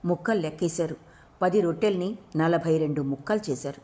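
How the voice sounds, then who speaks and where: A woman narrating a novel in an audiobook reading, with steady, expressive storytelling. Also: sits low, a little fast.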